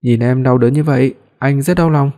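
Một người đàn ông đọc lời của một người chồng trẻ chiều vợ, hay chiếm hữu, nói dứt khoát. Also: male voice, medium pitch, moderate pace, dark tone, lightly acted. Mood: tender. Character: young husband, possessive and doting.

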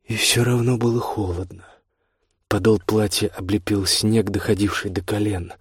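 A male narrator reading a novel aloud in a steady, even manner. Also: lowish voice, normal speed, husky, dry recording, studio quality. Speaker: audiobook narrator. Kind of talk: audiobook narration.

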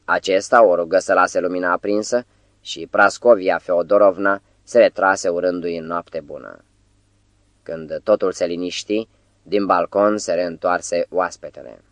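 Low male narrator, measured novel reading, dry close recording. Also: steady tone, dry recording. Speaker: audiobook narrator. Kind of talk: scripted narration.

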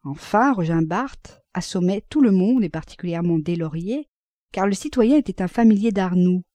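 A woman narrating a classic novel as an audiobook, reading at a measured, even pace. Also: on the low side, dry recording.

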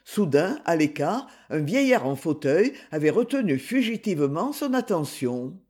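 Male novel narrator, husky, lively and expressive. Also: a little high, moderate pace. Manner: expressive literary reading. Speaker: audiobook narrator. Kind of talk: scripted narration.

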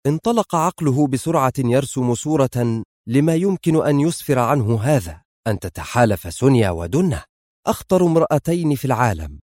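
A man reads a spy thriller aloud in a steady, dramatic storytelling voice of medium pitch. The recording is close and dry, with no room sound. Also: brisk, no room sound. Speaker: narrator. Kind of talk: scripted audiobook narration.

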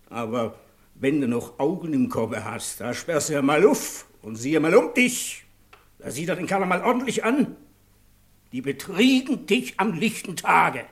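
Blunt, accusing older friend. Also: male voice, on the high side. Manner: blunt, insistent. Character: blunt middle-aged man accusing a friend. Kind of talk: 1960s radio drama acting.

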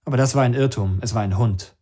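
A man narrating an audiobook in the first person. His delivery is steady and measured, at a middle pitch for a man. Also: slightly rough.

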